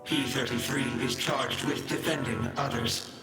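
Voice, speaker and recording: Distorted game robot, dutiful male defense machine, flat and clipped, echoey over loud music. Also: mid-range voice, unhurried. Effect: fuzz distortion on the voice. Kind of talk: video game voice acting.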